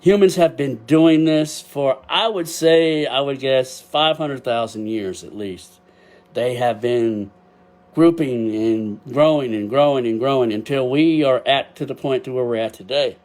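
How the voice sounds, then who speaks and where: A man hosting his own podcast, talking in an earnest, slightly preachy way that sometimes gets loud, repeating words as he searches for them. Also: mid-range voice, measured pace. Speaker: podcast host. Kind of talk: reflective podcast monologue.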